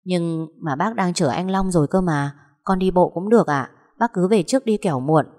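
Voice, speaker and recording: A woman voicing a meek, polite eighteen-year-old girl who answers softly and submissively, with a long echoing reverb. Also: on the low side, moderate pace, close to an everyday voice.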